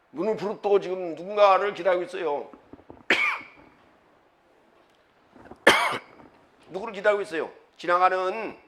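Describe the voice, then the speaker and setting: A man pastor preaching a sermon, emphatic, with rhetorical questions and sudden loud bursts. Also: a little high.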